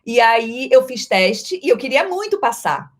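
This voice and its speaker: This middle-aged Brazilian voice actress takes viewer questions in a playful live-stream chat, her higher-side voice making big pitch swings at a measured pace. She has a Brazilian Portuguese accent, and her loudness and speed often shift.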